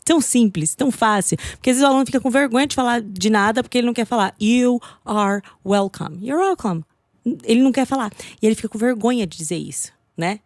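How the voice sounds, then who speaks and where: A middle-aged woman, an English teacher and podcast guest, chatting casually and telling lively stories. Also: a little high, quick pace, dry recording, studio quality. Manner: lively storytelling, acting out quoted voices.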